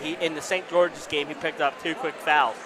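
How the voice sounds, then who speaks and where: A man giving live basketball analysis as color commentator, conversational and a bit halting as he picks his words. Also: fairly high pitch, fairly even intonation, a crowd in the background. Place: indoor school gymnasium. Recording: noisy gym with bouncing balls.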